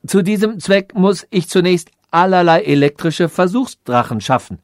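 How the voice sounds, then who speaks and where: A man's voice: high voice, animated, moderate pace, no room sound, clean studio sound, voice pushed up. A man voicing a scheming calculating machine. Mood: musing. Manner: lofty, scheming, lecturing. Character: cunning, vain female calculating machine.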